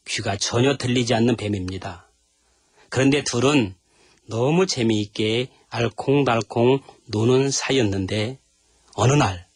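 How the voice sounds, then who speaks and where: A man's voice: medium pitch, breathy edge, no echo, studio quality. A man preaching a sermon, telling stories and acting out the voices in them. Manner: animated, acts out voices in stories. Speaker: pastor. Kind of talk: sermon with storytelling.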